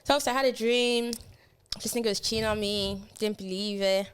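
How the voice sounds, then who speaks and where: A young woman, telling a story in animated, slangy podcast chat. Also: mid-range voice, brisk, slight background noise. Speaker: podcast co-host.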